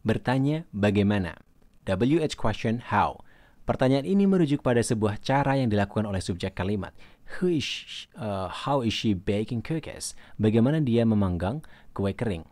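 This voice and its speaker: A man teaching English grammar in a recorded lesson. He reads English example questions slowly and then translates them. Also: fairly low pitch, expressive, darkish tone, no room sound.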